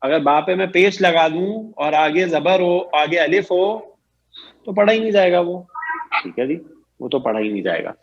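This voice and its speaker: A man with a fairly high voice leads an online grammar lesson. He talks patiently, repeats each point and keeps checking that his students understand. The audio is muffled, like a lo-fi call line. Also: animated. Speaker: Arabic grammar teacher.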